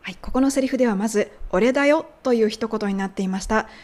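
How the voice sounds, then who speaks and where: A woman whose native language is Japanese, hosting an English lesson podcast, explaining and slowly modeling English phrases. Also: fairly high pitch, darkish tone. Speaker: English teacher.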